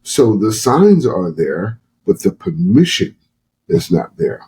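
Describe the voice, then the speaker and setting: A man's voice: sits low, sing-song, slow pace, dark tone, slight background noise, poor audio. A man talking earnestly as a guest on a podcast conversation, sometimes acting out quoted voices. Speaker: guest psychologist.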